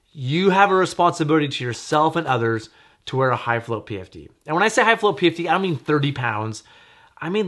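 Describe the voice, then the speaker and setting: Opinionated man talking gear, slightly high voice. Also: a bit bright. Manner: opinionated, thinks aloud with restarts. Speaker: host of a gear show. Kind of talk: casual explanatory talk.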